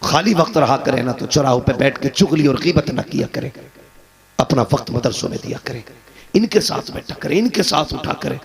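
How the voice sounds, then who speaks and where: A man preaching a sermon, rising to loud emphatic peaks and then dropping low. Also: lively intonation, normal speed, creaky. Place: gathering with a live crowd. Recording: crowd responding audibly.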